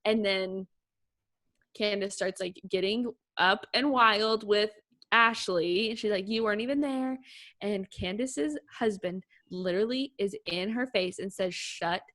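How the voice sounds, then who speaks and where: A woman's voice: medium pitch, unhurried, a bit bright. A young woman co-hosting a podcast, retelling reality TV scenes in a gossipy, chatty way. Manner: gossipy storyteller, recounts scenes with "she's like". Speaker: podcast co-host. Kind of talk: casual chat about reality TV.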